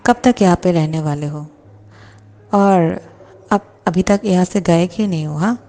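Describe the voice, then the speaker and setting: A woman's voice: fairly low pitch, unhurried, warm tone. A woman voicing a lovesick, hot-tempered young male boss who snaps back with indignant questions. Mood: angry.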